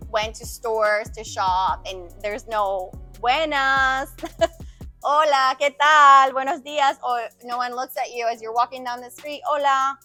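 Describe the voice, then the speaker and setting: Brief: woman, casual guest chat, animated and quick, slightly high voice, faint music behind. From United States. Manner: animated, quick storytelling with emphatic swings. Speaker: guest answering viewer questions.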